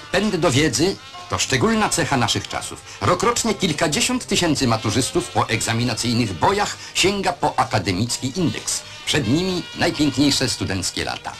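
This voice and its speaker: Narrating a vintage newsreel in the classic voice-over fashion, a man sounds proud and declamatory. His pitch moves widely within each sentence, he poses rhetorical questions, and music plays under the archival soundtrack all the way through.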